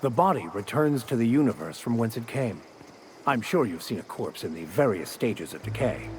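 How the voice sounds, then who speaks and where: Devout male crewmate, solemn and measured, lively intonation, played by a man, ambient noise. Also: mid-range voice, lightly acted. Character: calm male preacher-type crewmate. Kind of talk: game character dialogue.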